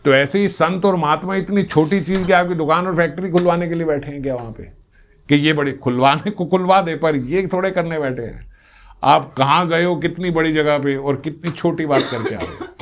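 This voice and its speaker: A man's voice: on the high side, a little fast, slight background noise. Earnest man giving a devotional talk. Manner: earnest, repeats phrases for stress, acts out little scenes. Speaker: spiritual speaker. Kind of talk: devotional discourse.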